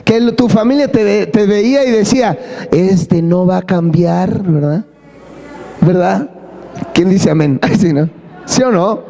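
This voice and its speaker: A man's voice: high voice, unhurried, gravelly, pauses often, mellow. A man preaching a playful, joking sermon, often asking the congregation for amens. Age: adult. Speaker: pastor. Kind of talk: lively sermon. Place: church service.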